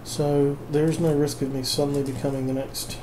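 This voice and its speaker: His pitch runs fairly high and barely shifts, and he talks briskly even though he's tired and can't sleep. As he builds a kit for a late-night video at home, this vlogger rambles wryly, pokes fun at himself, and drifts off into fillers. Background noise fills the home recording.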